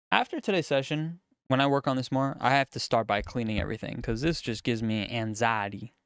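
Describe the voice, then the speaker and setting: Relaxed man explaining in a dry studio. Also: medium pitch, a little fast, clear, resonant tone, dry recording. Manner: relaxed, chatty, explains as he works. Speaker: music producer. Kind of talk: casual studio tutorial. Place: music studio.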